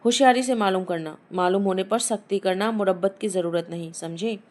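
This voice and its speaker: A woman's voice: medium pitch, fairly quick, a little mellow, lightly acted. A woman voicing a stern, irritable middle-aged father who scolds and gives orders in a Hindi story reading. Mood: irritated. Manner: scolding, commanding.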